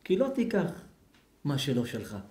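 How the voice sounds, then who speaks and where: A man, a rabbi, giving a sermon to a congregation, dramatic and swinging from loud outbursts to near-whispers. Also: fairly high pitch, very animated. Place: community lecture hall. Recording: echoey hall.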